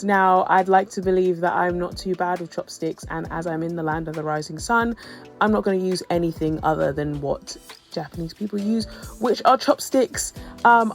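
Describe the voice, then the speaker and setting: A woman tells her travel story in a voice-over, chatty and funny, tossing in playful asides. Her voice sits a little low and has a gravelly edge. Soft music plays faintly underneath. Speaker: travel vlogger. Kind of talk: voice-over narration of a travel vlog.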